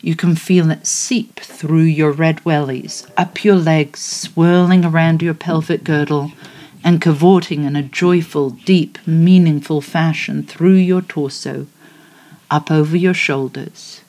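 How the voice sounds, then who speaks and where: A woman leading a guided visualization meditation, speaking in a soothing, unhurried way. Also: deep voice, steady tone, dark tone.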